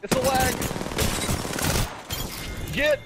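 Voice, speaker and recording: A young man talking like a hyped gamer bro, excitedly commentating on a game with a friend and repeating phrases in bursts. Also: extremely high pitch, very slow. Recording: clear game noise and clicks behind. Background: video game sounds, clicks.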